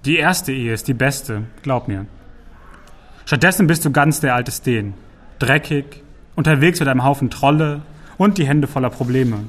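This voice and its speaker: A man's voice: medium pitch, normal speed, a bit bright, natural voice. A man playing a jovial, teasing envoy. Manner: teasing, worldly, talkative. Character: jovial, vain middle-aged male envoy. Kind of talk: audiobook character voice.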